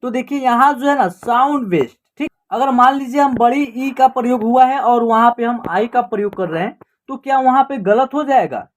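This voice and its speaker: A woman teaching an online class in Hindi, spelling out words step by step and asking and answering her own questions. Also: fairly high pitch. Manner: asks and answers her own questions, repeats each word slowly.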